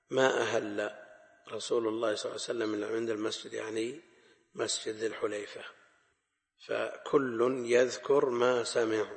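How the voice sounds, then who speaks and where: A man with a gravelly, creaky voice teaches a classical Arabic lesson on hadith. He explains in a measured way, repeating key phrases for emphasis. His voice rings out with a long reverb, as in a large hall. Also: medium pitch. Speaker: Islamic scholar teaching hadith.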